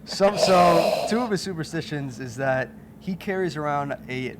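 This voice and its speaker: A man's voice: fairly high pitch, expressive, normal speed, crowd noise. A man co-hosting a casual golf podcast, easygoing and laughing along, sharing trivia. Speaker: podcast co-host. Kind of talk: casual chat.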